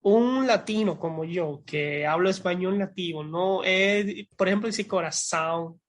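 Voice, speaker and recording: High-voiced Dominican man, chatty. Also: unhurried. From Dominican Republic. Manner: animated, demonstrates sounds, laughs easily. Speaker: podcast co-host. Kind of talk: casual chat about language learning.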